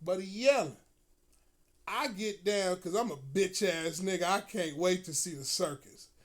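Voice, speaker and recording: A man telling a profane story in a casual, animated way, often breaking into laughter. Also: high-pitched, moderate pace.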